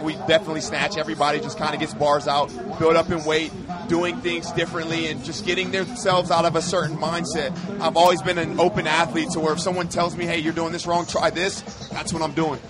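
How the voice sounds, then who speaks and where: A man in his thirties, an athlete and coach, talking casually in an interview in long, energetic run-on lists. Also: on the high side.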